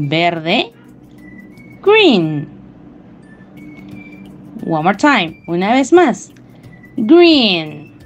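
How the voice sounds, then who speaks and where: A woman teaching English to small children, talking in a slow, exaggerated sing-song teacher voice with gasps of surprise. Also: medium pitch. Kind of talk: bilingual lesson for small children. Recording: faint music behind.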